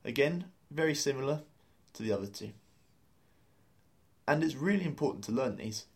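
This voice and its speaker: A man's voice: medium pitch, expressive, moderate pace. A man hosting a language lesson, explaining step by step in an upbeat way and laughing easily. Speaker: language course host.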